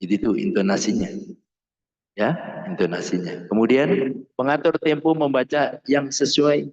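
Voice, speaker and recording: A man's voice: medium pitch, moderate pace, darkish tone. A male Quran recitation teacher giving a classroom lesson on Arabic pronunciation. He drills syllables in sung chants and explains them in a plain speaking voice. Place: school classroom. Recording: roomy, muffled room recording.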